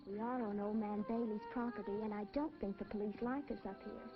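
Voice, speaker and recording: A woman's voice: medium pitch, fairly even intonation, a little fast, music in the background, natural voice. An actress playing a young woman eloping with her boyfriend, playful but cautious, on a dull 1960s film soundtrack. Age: young adult.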